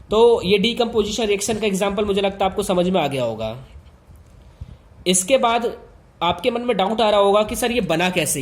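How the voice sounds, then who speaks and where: A male teacher talks his students through a lesson in an easy, informal way. His voice sits fairly high for a man, and he presses key points by repeating them and straight to the class. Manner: repetitive, emphatic, addresses students directly.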